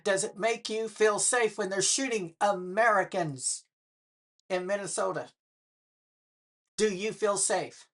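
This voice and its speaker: Addressing her viewers head-on, an older female political vlogger delivers commentary at a slow pace with frequent pauses, her pitch medium. Her rhetorical questions are sharp and tinged with sarcasm.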